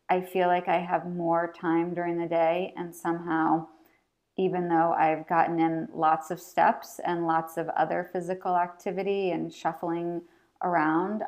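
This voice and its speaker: A woman's voice: on the low side, darkish tone. A middle-aged woman hosting a casual solo podcast from a bathroom, talking in an encouraging, reassuring way. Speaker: podcast host. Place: recording in a bathroom at home. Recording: bathroom recording.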